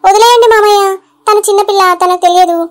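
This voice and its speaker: A squeaky young cartoon wife. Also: female voice, steady tone. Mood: suspicious, placating. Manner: chipmunk-high cartoon voice, rapid and sulky. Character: young wife, sharp and easily hurt.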